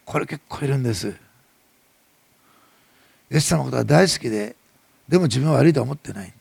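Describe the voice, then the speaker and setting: A middle-aged male pastor with a Nagasaki dialect, preaching a sermon that swells loud and then drops soft. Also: mid-range voice, lively intonation, fairly quick, creaky, slightly rough, no echo.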